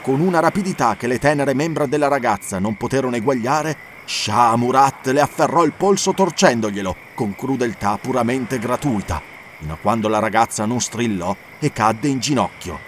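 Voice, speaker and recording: A man reading an audiobook in steady, measured scripted narration. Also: mid-range voice, slight background noise.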